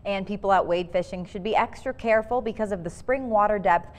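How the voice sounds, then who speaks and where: A woman's voice: mid-range voice, a little fast. A young woman anchoring an evening TV newscast from the studio in a polished presenter's manner. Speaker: news anchor.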